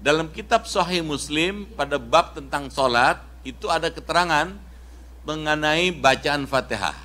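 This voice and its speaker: A middle-aged man from Indonesia preaching a casual sermon in a mosque, telling a story with lively quoted voices. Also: a little high, normal speed.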